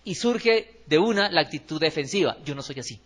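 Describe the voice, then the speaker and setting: A man with a Colombian accent preaching to his church, his voice pitched a little high for a man. He talks lively and animated, acts out little quotes and keeps asking the congregation questions. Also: fairly quick. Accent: Colombian Spanish. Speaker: pastor. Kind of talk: sermon. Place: church hall.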